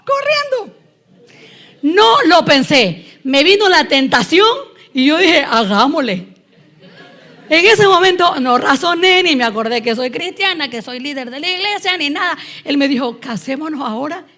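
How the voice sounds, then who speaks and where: A middle-aged woman from Ecuador giving a lively personal testimony in a church sermon, acting out quoted voices as she tells the story. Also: high-pitched, moderate pace.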